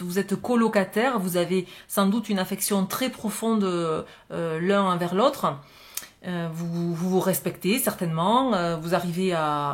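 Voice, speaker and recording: A woman giving a spiritual love card reading, with a gentle, reassuring manner, thinking aloud as she goes. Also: medium pitch. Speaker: oracle card reader.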